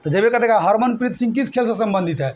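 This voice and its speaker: A man's voice: high voice, lively intonation, fast talker, a little mellow. A male teacher leading a classroom exam-prep lesson, quizzing students with call-and-response questions and repeating mnemonics. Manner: repetitive mnemonic chanting.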